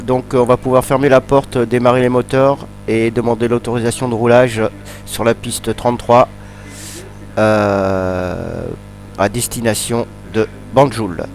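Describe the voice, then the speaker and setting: A man's voice: medium pitch, level tone, measured pace, a little mellow, faint music behind. A man giving a casual, hesitant, step-by-step pilot's commentary on a flight.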